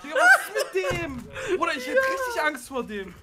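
A young man giving slangy, excitable reaction commentary as a co-host, often repeating short exclamations. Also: extremely high pitch, a little fast, a loud crowd. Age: young adult. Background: music.

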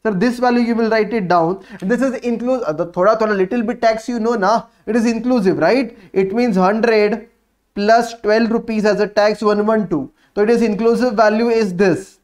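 A man with a distinctly high-pitched voice and a North Indian accent teaches exam technique. He speaks English as a native Hindi speaker, mixing in Hindi words. His delivery is instructive, with key phrases repeated and questions he puts to himself. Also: normal speed, darkish tone. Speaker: accountancy teacher. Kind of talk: lively classroom exam coaching, working through problems.

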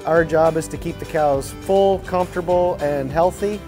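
A man's voice: on the high side, moderate pace, music in the background. A man in his thirties who looks after show cows, explaining his work in a barn in a plain, friendly way. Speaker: show cow caretaker. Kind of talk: casual explainer to camera. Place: large indoor barn.

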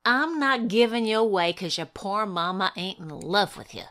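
A woman's voice: mid-range voice, animated, normal speed, a bit bright, natural voice. Woman playing a pleading troubled mother. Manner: pleading, earnest. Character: troubled young mother giving up her child.

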